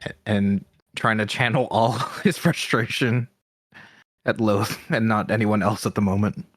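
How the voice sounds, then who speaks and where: A man's voice: fairly low pitch, steady tone, unhurried, dry recording, studio quality. A man chatting casually as a player in a tabletop game. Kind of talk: casual chat.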